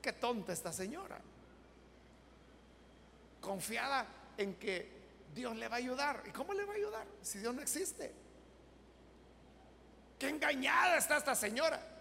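A man's voice: very high voice, lively intonation, unhurried, gravelly, pauses often, sharp tone, big-room sound, slight background noise, heavily acted. A man voicing a scornful atheist who mocks a praying widow. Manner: scornful, sneering. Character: mocking atheist man, a scoffer.

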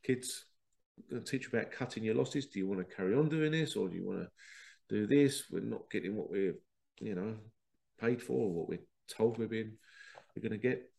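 A podcast host with a head cold rambles through a casual spiritual monologue, often acting out quoted exchanges. His congested, lowish voice is a little mellow, slightly fast, and carries vocal fry.

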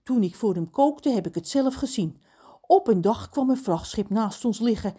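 Woman voicing a high-pitched tearful male cook, children's audio story, loud and lively. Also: normal speed, husky. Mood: chatty. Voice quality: high, sobbing. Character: weepy cursed male ship's cook.

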